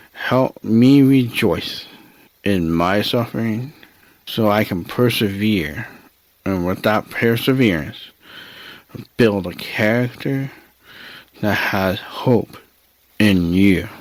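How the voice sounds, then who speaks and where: A man's voice: mid-range voice, no room sound. A man hosting a podcast, sharing faith-based personal reflections in an earnest, openly emotional, preacher-like way. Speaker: podcast host.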